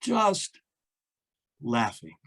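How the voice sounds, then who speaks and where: A man's voice: medium pitch, wildly swooping pitch, very slow, a bit bright. A man, a minister, interviewing a guest in an earnest, thoughtful way with frequent fillers. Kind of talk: reflective conversation.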